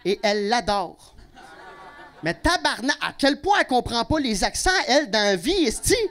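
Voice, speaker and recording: Young quebecois guy doing stand-up in a club, swears a lot, goes loud out of nowhere, brash delivery on a handheld mic. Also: very high-pitched, big pitch swings, normal speed. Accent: Québécois French. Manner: brash and profane, with sudden loud outbursts. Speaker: stand-up comedian. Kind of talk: stand-up comedy set. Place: comedy club stage with a live audience.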